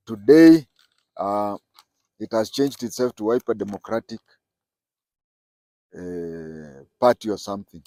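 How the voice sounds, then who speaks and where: A middle-aged man giving solo political commentary, speaking deliberately and repeating key points for emphasis. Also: fairly low pitch, a little mellow, no echo.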